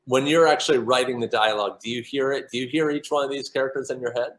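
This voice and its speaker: Male interviewer, relaxed and playful, laughs easily; average pitch. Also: quick pace, slight background noise, rough recording. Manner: upbeat, playful questioner who laughs often. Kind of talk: casual interview.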